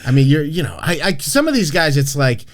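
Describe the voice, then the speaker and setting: A man's voice: fairly high pitch, sing-song, brisk, noisy background. A man hosting a casual podcast, brash and profane, rambling with frequent restarts and fillers. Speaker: podcast host.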